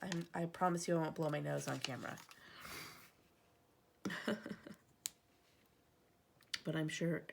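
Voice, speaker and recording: This planner vlogger talks in a gravelly, low voice, keeping her intonation fairly even and moving slowly with frequent pauses. Stuffy from allergies, she chats and rambles at home while decorating a planner, often wandering off topic.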